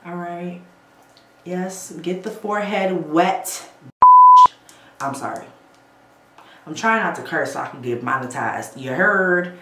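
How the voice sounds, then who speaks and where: A woman's voice: on the low side, slow pace, pauses often, background noise. A woman giving a casual beauty how-to at a bathroom sink, chatting to viewers and checking in with "okay?" as she goes. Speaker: beauty vlogger. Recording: roomy echo, faint ambience.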